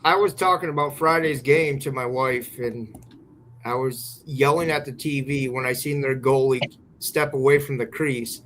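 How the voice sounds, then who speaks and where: A man's voice: medium pitch, normal speed, a bit bright, slight background noise, low-quality recording. A man hosting a podcast, chatting casually and putting fan questions to a guest. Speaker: podcast host.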